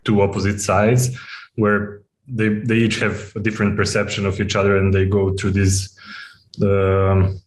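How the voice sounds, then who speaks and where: A film director from Serbia, talking plainly and briefly in a festival Q&A, sometimes searching for words. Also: male voice, fairly low pitch, little pitch movement, a little slow, a little hiss or hum, low-quality recording.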